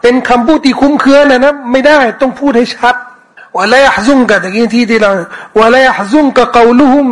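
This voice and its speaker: A man teaching a commentary lesson on scripture, answering questions in a casual way, repeating words and reciting verses slowly. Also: extremely high pitch, low-quality recording. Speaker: Islamic teacher.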